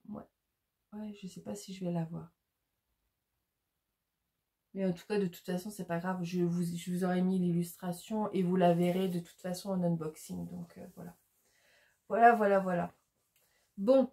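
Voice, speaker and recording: Speaking in a low, creaky, mellow voice, a French woman presents her supplies on a craft video. She keeps it casual, filling her chat with plenty of fillers.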